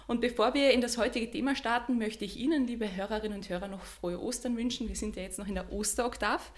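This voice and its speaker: A woman hosting a podcast, asking friendly, clearly phrased questions. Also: on the high side, steady tone, quick pace. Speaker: podcast host, editor. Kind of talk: interview podcast.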